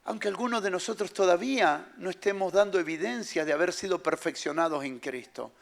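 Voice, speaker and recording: A man's voice: on the high side, gravelly. A man preaching a sermon as pastor, emphatic and repeating his key phrases.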